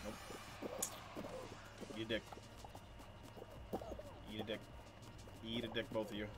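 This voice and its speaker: A man's voice: fairly low pitch, completely flat delivery, slow, very noisy. A young man streaming a game, raging, swearing and laughing at himself. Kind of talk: casual gaming stream chat.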